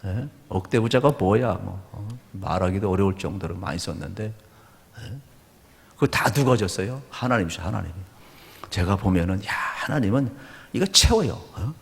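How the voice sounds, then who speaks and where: A male pastor preaching a sermon with emphatic rhetorical questions and quick tag asides. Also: on the low side, animated, gravelly. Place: church sanctuary. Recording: echoey church hall.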